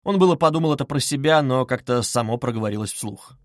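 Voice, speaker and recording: With a medium-pitched voice, this audiobook narrator delivers scripted novel narration at a steady, even storytelling pace. The recording is studio quality, free of any room sound.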